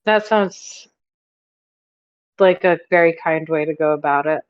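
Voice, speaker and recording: A woman's voice: low voice, unhurried, clean tone, dry recording. A woman playing a tabletop game over voice chat, tentative and full of fillers. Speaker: player. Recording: dull lo-fi voice chat audio.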